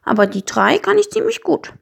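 A woman's voice: very high-pitched, big pitch swings, moderate pace, vocal fry, voice pushed up, heavily acted. A woman doing a sighing little grumpy magic creature. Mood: chatty. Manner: plaintive, sighing. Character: small sad young grumpy magic creature. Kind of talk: storybook reading.

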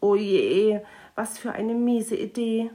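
Woman putting on a tiny scared imp voice, high-pitched, whimpering, slow, storybook reading. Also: dark tone. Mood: sheepish. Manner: anxious, whimpering, shy. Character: small timid male Christmas imp, fearful and sniffly.

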